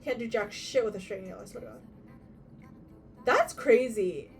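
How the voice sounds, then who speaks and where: A woman's voice: fairly high pitch, moderate pace, a little hiss or hum. Young woman streamer, far from mic. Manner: sweary, slangy, muttering complaints. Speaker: livestreamer. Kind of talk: casual livestream chat while crafting. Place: her room at home. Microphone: far from mic, laptop at a distance. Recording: distant laptop mic, music behind. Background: music.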